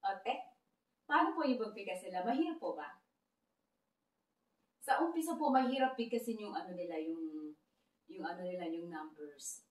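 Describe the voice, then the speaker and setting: A woman language teacher leading a counting drill, reading number lists aloud carefully and deliberately. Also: fairly low pitch, expressive, far from the mic. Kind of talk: slow counting drill lesson. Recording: roomy echo, voice away from the mic.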